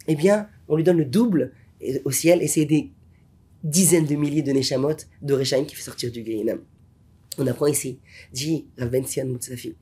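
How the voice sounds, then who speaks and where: A man acting as a rabbi teaches a Torah lesson, telling stories animatedly, dipping into whispers and rising to exclamations. His voice is a little high and husky.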